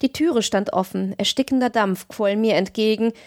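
Woman narrator, mid-pitched, dry close read of a classic tale. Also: normal speed, a little mellow, no echo. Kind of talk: literary audiobook narration.

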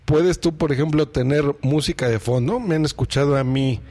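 A man's voice: fairly high pitch, normal speed, a little mellow. A man, a podcast host explaining step by step in a how-to tutorial as he demonstrates equipment, speaking into a microphone run through a mixing desk in a home podcast studio.

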